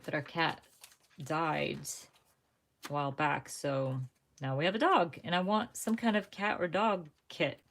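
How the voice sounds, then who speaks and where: A young crafting livestream host talks casually with her viewers, rambling and often correcting herself mid-sentence. Her low voice is steady and unhurried, with vocal fry.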